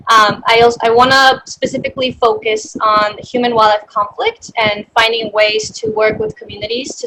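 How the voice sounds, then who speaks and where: A woman's voice: mid-range voice, background noise. A young woman in her twenties from Colombia, raised in Miami, a veterinary student chatting about her path on a video-call panel. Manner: chatty, fillers. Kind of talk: personal story on a panel.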